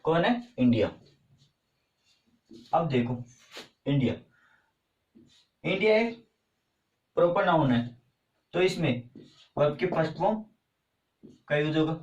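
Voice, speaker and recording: A man with an Indian accent teaches a grammar lesson, repeating himself and frequently asking questions that he then answers himself. His voice is fairly high, animated and a little mellow, slow with long pauses. He is far from the mic, and the recording sounds roomy, distant and dull.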